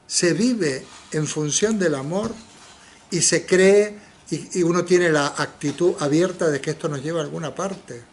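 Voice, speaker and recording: A man's voice: on the high side, measured pace, a little hiss or hum. An older man giving an informal philosophy seminar lecture, asking the audience rhetorical questions and dropping frequent tag questions. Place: lecture room in a community center.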